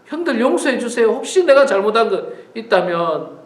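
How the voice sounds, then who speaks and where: A man's voice: high voice, big pitch swings, normal speed, roomy sound. A man voicing a desperate young man who begs his older brothers for mercy. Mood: pleading. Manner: begging, desperate.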